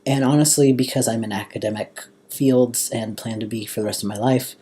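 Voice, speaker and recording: A young American man speaks in a casual, personal vlog style. His mid-pitched voice carries a little huskiness, and his drawn-out phrasing has a clear valley girl lilt. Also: fairly even intonation, mellow. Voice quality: slightly husky. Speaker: vlogger.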